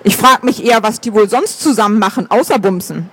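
A man's voice: high voice, fairly quick, a bit bright, breathy edge, heavily acted. A man voicing a catty, crude woman who gossips in an audiobook. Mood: gossipy. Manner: crude, mocking.

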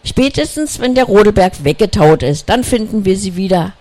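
A storyteller voicing an impatient, excitable young female snowy owl in a children's story, with eager exclamations. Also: normal speed, natural voice. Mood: cheerful. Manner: eager, exclaiming, high and bright. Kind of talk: storybook reading.

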